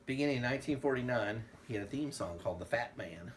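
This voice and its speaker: A father reads a picture book aloud to a child in a casual, playful read-along, breaking into sung snippets and asides. His mid-range voice is animated and fast, with slight background noise.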